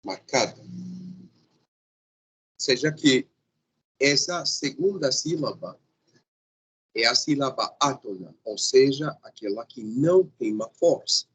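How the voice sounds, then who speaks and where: Male teacher, unhurried, slightly husky; patient explainer who keeps checking in with the class. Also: mid-range voice, lively intonation, a bit bright, poor audio. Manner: patient, checks in often with a questioning "sim?". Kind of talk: grammar lesson.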